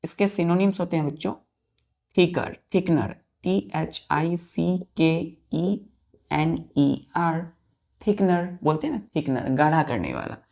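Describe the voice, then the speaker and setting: A woman's voice: low voice, slow pace, creaky, dark tone. A woman teaching English vocabulary to children, spelling each word letter by letter and repeating it, with quiz questions to the class. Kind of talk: slow repetitive classroom teaching.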